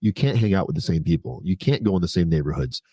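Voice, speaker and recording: A prison consultant in his forties tells his own story frankly and conversationally as a podcast guest. His deep voice is mellow with a breathy edge, animated and fast, in a dry recording.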